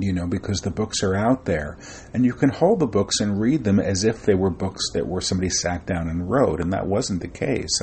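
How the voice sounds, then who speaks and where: Speaking as an interview guest, this middle-aged man describes his spiritual work as a channeler and author in a loose, conversational way, full of fillers and restarts. His pitch sits fairly low with a darkish tone, over a slight hiss or hum. By his own account, he is shy and reserved.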